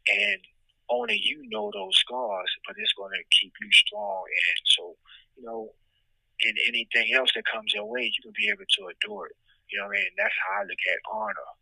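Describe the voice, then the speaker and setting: An American man speaking candidly in an interview on a prison phone, with a raspy voice and emphatic, repeated check-ins with his listener. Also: high-pitched, huge pitch swings, moderate pace, sharp tone, no echo. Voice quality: raspy, gravelly. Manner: emphatic, frequent "you know what I'm saying" check-ins. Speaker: interviewee, incarcerated poet. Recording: dry, close prison phone call.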